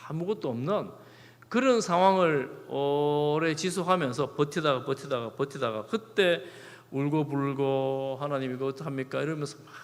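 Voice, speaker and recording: A middle-aged male pastor preaching a sermon, acting out quoted prayers and words in shifting tones. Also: on the high side. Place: church sanctuary. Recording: long hall reverb.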